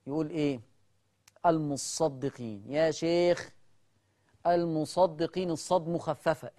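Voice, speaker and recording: An Egyptian-accented teacher giving a televised religious lesson. The delivery is lively and questioning: a question is put to the viewers, then answered right away. Key words get drawn out slowly for emphasis. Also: medium pitch. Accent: Egyptian Arabic. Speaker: Quran recitation teacher on TV.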